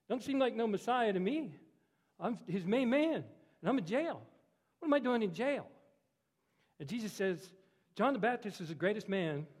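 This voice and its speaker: A man's voice: sits high, in a large hall. A man preaching a sermon in a conversational storytelling way, his voice rising and dropping for emphasis. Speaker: pastor.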